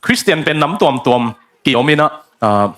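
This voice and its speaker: A man's voice: a little high, expressive, brisk, fairly bright tone. A man preaching a sermon, building emphasis and dropping in English phrases.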